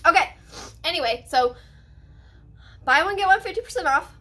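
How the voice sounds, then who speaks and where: A woman's voice: very high-pitched, lively intonation, moderate pace, bright, forceful tone. A woman vlogging in a hyped, gushing way, chatty, playful and sassy, rambling casually to her viewers. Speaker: host of a personal video channel. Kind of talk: casual chatty haul and giveaway vlog. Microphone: on camera with ring light.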